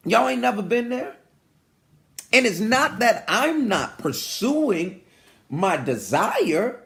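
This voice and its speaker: A man in his forties preaching a motivational sermon, congested and sniffling, calling out to his listeners and talking to God like a friend. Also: very high voice. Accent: New York. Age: 40s. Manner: animated, calls out to listeners, talks to God like a friend. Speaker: pastor. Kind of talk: live-streamed motivational sermon.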